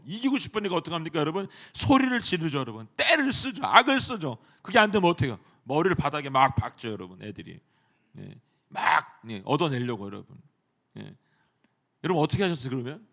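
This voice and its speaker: A male pastor preaching a sermon in a church, animated and often addressing the congregation directly. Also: on the high side. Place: church sanctuary.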